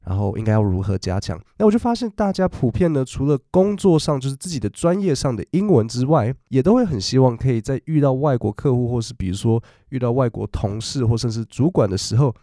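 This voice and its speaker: A man's voice: medium pitch, animated, fast talker, few pauses, dark tone, dry recording, studio quality. A man, hosting a casual, chatty podcast about work English. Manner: chatty, storytelling, acts out quoted voices. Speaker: podcast host teaching English. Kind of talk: casual chat.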